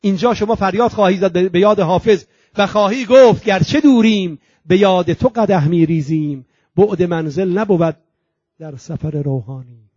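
A high-pitched man delivers an impassioned sermon, swelling to loud proclaiming and dropping to a hush, and he stretches out recited Arabic phrases. The recording is dry and dull, with a lo-fi edge. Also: no echo. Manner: impassioned, swings between loud and hushed, slow drawn-out Arabic recitation. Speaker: preacher. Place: religious centre hall.

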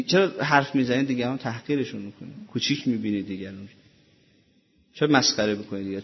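A man's voice: on the low side, slightly rough, highs cut off. A man preaching a sermon as a religious lecturer, pressing his listeners with rhetorical questions in a row.

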